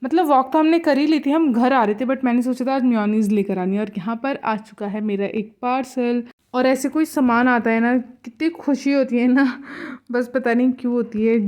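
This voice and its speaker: A woman's voice: fairly high pitch, moderate pace, darkish tone, dull audio. Chatty young woman vlogging at home. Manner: chatty, mixing in English words. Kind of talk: casual vlog narration.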